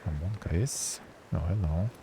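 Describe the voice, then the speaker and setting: A man's voice: sits low, a little slow, background noise. A man streaming a video game, thinking aloud in casual, rambling commentary and tagging remarks with "eh?".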